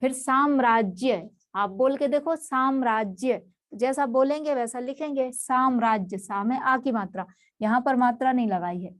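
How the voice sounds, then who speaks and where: A woman teaches a spelling lesson for exam students with a fairly high voice. She works through one word at a time. She says each term again so the class can follow. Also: moderate pace. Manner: patient, explains word by word and repeats each term.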